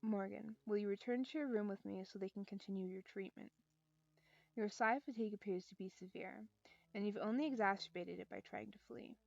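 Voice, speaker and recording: A woman voicing a calm, formal young man who is gently protective and speaks in a measured, polite way. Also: mid-range voice, vocal fry, no echo, muffled recording, natural voice.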